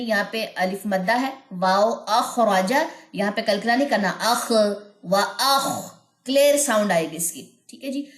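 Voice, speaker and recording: Female recitation teacher, high-ish voice, patient explainer, slow melodic chanting, echoey room. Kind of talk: recorded online lesson.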